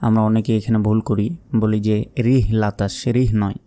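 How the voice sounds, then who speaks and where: A man with a Bangladeshi Bengali accent teaching Quran pronunciation. He explains each sound briskly and then chants the words slowly, holding the vowels long. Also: lowish voice, flat delivery, mellow, smooth.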